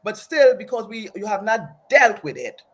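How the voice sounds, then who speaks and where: A sing-song, medium-pitched voice at normal speed belongs to a woman from Aruba brought up in Trinidad. As an interview guest she reflects earnestly on her personal story, often beginning phrases anew.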